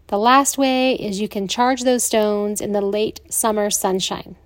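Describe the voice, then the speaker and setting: An American woman talks as a yoga teacher giving an informal explanation. Her pitch sits in the middle range for a woman. The recording is dry, with little room sound. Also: a little mellow, no echo.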